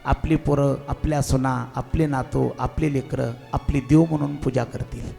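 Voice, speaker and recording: Gravelly-voiced man preaching a devotional sermon. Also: mid-range voice, steady tone, moderate pace, mellow, faint music behind. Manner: earnest, exhorting the audience. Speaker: kirtan preacher.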